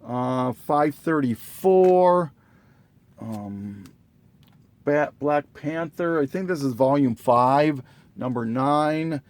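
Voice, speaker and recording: A man slowly listing items from his collection in a casual, halting way, full of ums and self-corrections, clearing his throat as he loses his voice. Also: fairly high pitch, expressive. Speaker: comic collector listing trades. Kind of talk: casual show-and-tell listing.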